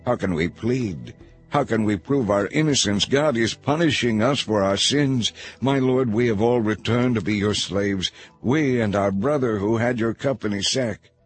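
A man's voice: on the low side, moderate pace, voice pushed up, natural voice. A man voicing a humble older brother who earnestly pleads for mercy, over faint music. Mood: pleading.

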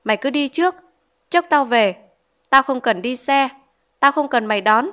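A woman's voice: high-pitched, animated, normal speed, fairly bright tone. A woman reading aloud voices a proud, feverish young bride who answers back sharply and indignantly.

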